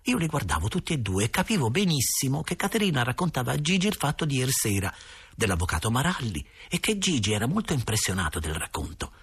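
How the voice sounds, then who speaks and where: Breathy, lively male storybook reader. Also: quick pace. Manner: expressive reading with dramatic pitch swings. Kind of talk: audiobook narration of a first-person diary.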